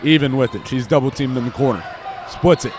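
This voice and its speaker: Medium in pitch and fairly quick, a young American man delivers live play-by-play from a noisy gymnasium. Short, clipped phrases keep up with the action while basketballs bounce and the court rings with noise.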